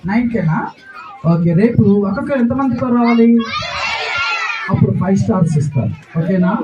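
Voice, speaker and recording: A teacher coaxing and quizzing a group of children in a lively way. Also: mid-range voice, brisk, muffled recording, a crowd in the background. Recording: echoey, very noisy hall recording.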